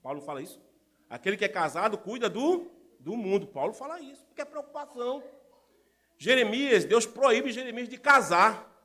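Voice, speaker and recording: High-voiced animated male preacher. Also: a little fast. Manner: animated, rhetorical questions to the congregation. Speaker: pastor. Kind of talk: sermon. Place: church.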